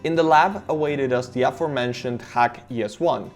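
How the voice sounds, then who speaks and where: Over soft background music, a car reviewer from Argentina narrates a car safety explainer at medium pitch and a moderate pace. Spanish is his first language, and he speaks English as a second language with enthusiastic emphasis.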